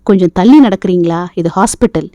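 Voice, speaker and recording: A woman voicing a proud, sharp-tongued young woman in an audio novel. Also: lowish voice, fast, no room sound, natural voice. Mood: irritated. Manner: pleading, then irritated and sarcastic. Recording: dull lo-fi dry recording.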